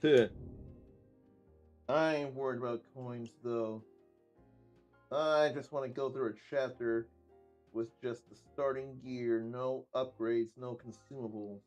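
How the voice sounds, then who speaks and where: Casual gamer guy narrating his playthrough, relaxed, game music faint behind. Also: mid-range voice, takes it slowly, pauses often, muffled recording. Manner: laid-back, muttering asides. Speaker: gaming streamer. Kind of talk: casual let's-play commentary.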